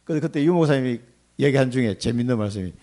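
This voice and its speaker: Animated Korean pastor preaching. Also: male voice, mid-range voice, very fast. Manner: animated, colloquial preaching with acted-out quotes and chuckles. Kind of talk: sermon. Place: church sanctuary.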